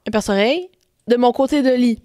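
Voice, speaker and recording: Young Québécoise co-host, slightly high voice, halting storyteller, dry mic. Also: female voice, mellow, no echo. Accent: Québécois French. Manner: hesitant, many restarts, laughs easily. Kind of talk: casual chat.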